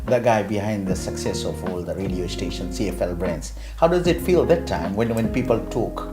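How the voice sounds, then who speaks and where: A man's voice: fairly low pitch, lively intonation, normal speed. A male talk show host asks questions in an easygoing, chatty way and laughs often. His voice carries a roomy echo, with music playing behind him. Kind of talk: casual interview chat.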